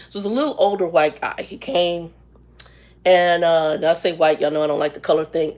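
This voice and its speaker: A woman in her fifties telling a story to her viewers in a casual, animated way, often laughing. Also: lowish voice, vocal fry. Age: 50s. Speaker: vlogger.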